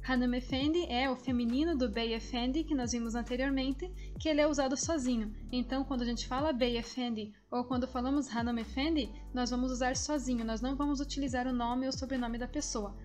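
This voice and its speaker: High-voiced woman teaching language. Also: darkish tone. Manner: explains steadily, then drills Turkish words slowly syllable by syllable. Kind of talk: language lesson.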